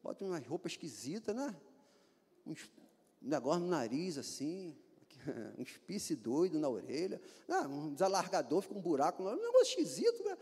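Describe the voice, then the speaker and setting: A man's voice: a little high, big pitch swings, normal speed, darkish tone, breathy edge. A man preaching a sermon to a church, folksy and joking, climbing into emphatic bursts. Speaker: pastor. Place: church hall. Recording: long church reverb.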